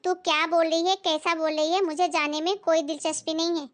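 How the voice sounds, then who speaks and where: A woman's voice: extremely high pitch, flat delivery, fairly quick. A woman acting a bossy, cruel mother-in-law who scolds her daughter-in-law in a family drama. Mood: scolding. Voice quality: scolding, sharp-tongued.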